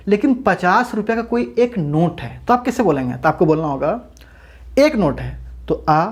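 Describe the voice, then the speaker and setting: Woman, grammar teacher, exam-prep lesson, very expressive intonation, asks and answers her own questions. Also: mid-range voice. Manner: addresses viewers as brothers and sisters.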